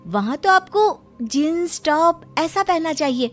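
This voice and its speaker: A woman giving scripted narration for an animated family story and voicing the polite daughter-in-law, gentle and coaxing. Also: high voice, takes it slowly, soft background music.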